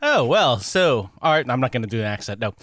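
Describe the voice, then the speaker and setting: A man's voice: mid-range voice, sing-song, brisk, a bit bright, no echo, clean studio sound. A man co-hosting a live-streamed podcast in a laid-back, easily amused way. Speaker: podcast co-host.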